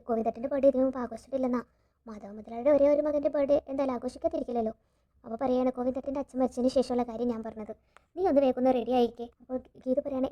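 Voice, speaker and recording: A woman narrates a television serial episode at a breakneck pace, her voice sitting high. She keeps tagging her sentences as she quotes each character in turn, and the recording sounds a little dull and lo-fi. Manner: rapid storytelling with frequent tag "കേട്ടോ". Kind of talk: fast episode recap, retelling dialogue.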